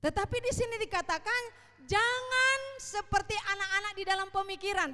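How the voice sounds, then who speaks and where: Woman preacher, East Kalimantan Indonesian accent, high voice, animated and questioning, church reverb. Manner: animated, rhetorical questions to the congregation. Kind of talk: sermon. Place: church hall. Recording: long reverb of a church hall.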